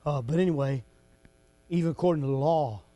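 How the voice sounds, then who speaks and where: Speaking fairly quickly, a man delivers a folksy sermon to his congregation, cracking jokes and laughing between lines before shouting at his peaks.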